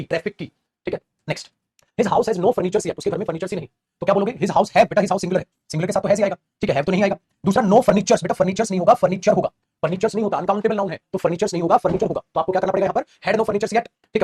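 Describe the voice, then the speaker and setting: A man teaching an English grammar class in rapid Hindi mixed with English, calling his students "beta" as he corrects their answers. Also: sits high, darkish tone, breathy edge. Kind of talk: online coaching lesson.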